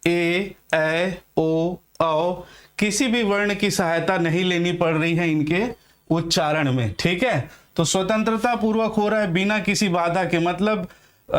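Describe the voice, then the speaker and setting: High-voiced male Hindi grammar teacher. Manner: repeats questions and answers them himself, addresses viewers as friends; sounds out letters slowly for practice. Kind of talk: classroom lecture.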